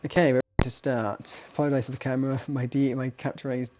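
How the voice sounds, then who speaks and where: Male game caster, chatty, rambling, restarts his sentences a lot, mid-pitched voice. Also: flat delivery, fast talker, a little mellow, lo-fi sound. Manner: rambling, self-correcting, chatty. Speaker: esports caster. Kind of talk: live game commentary.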